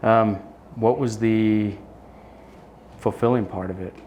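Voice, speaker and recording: A man with a fairly low voice hosts an on-stage interview. He asks questions conversationally and often checks agreement with "right?". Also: fairly even intonation, slow pace, darkish tone, slight background noise. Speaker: interviewer, host.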